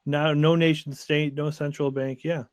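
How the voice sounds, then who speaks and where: Man with a fairly high voice, brief plain panel talk, dry close sound. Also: level tone, moderate pace, dry recording. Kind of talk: casual discussion.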